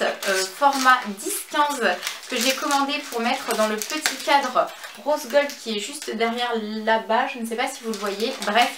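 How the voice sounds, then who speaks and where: French youtuber lady doing a haul, kinda high voice, lots of euh, roomy echo. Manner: chatty, many fillers, slow over items. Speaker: beauty and fashion YouTuber. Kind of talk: casual haul vlog. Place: home office and makeup room. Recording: echoey room, faint background noise.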